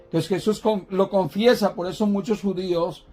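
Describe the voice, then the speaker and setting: A man's voice: sits high, fairly even intonation, normal speed, mellow, faint music behind. A man preaching a sermon in a church, asking the congregation questions and calling them brothers, often repeating and restarting words as he teaches.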